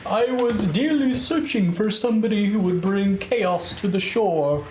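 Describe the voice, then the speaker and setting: A man's voice: sits high, a little slow, darkish tone, voice pushed up. A man voicing a grandiose, boastful talking fish in a tabletop game, theatrical and gleeful. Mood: gleeful boasting. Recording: echoey room with background noise.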